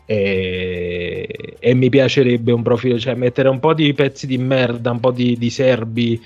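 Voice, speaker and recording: A man's voice: medium pitch, steady tone, measured pace, a little mellow. A man chatting casually about football as a pundit, using crude street slang. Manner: uses Neapolitan street slang and crude words. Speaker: football pundit on a talk show. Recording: dull lo-fi audio, music behind. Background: music.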